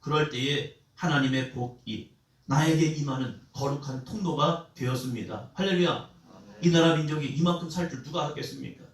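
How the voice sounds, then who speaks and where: A young male pastor preaching a Sunday sermon with call-and-response, building up to shouted cries. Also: a little high, brisk. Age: young adult. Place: church sanctuary. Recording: echoey church hall, mic at a distance.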